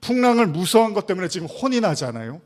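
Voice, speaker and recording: A man's voice: high-pitched, fast. Korean man preaching with rhetorical questions. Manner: animated preaching with rhetorical questions, acting out quoted lines. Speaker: pastor. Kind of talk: sermon.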